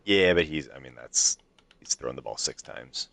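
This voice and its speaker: Deep-voiced young man trash-talking. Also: animated, normal speed, gravelly, fairly bright tone, dry recording. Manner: trash-talking, profane, needling. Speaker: online league player. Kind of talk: casual gaming chat.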